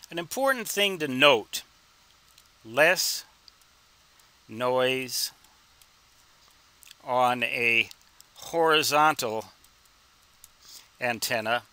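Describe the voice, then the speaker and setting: An instructor answering reader questions gives an informal explanatory tutorial. His voice is very sharp, bright and a little high, his phrasing deliberate and full of wry, folksy humor. The recording is dry, as if from a close microphone.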